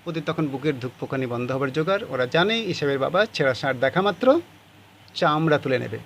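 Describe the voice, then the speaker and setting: A man's voice: medium pitch, animated, fairly quick, fairly bright tone, slight background noise. A man teaching a class, reading passages of a story aloud and explaining how to write the answers.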